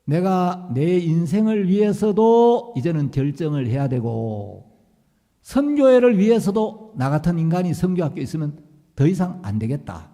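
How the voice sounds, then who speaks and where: Male pastor, sermon, animated pitch, ringing church reverb. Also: moderate pace. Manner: storytelling, swinging from loud to soft. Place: church sanctuary.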